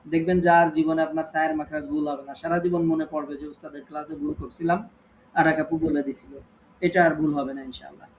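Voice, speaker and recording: High-voiced patient male recitation teacher. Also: little pitch movement, quick pace, a little hiss or hum. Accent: Bangladeshi Bengali. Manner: patient, corrective, prompting students to read. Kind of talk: online class, calling on students.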